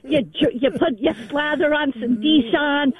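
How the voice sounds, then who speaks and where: A woman's voice: sits high, a little slow, a crowd in the background. A woman calling into a radio show, scornful in tone and hesitating often with fillers. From New Jersey. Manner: scornful, hesitant with many ums. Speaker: caller. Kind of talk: phone-in caller. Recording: tinny dry phone line.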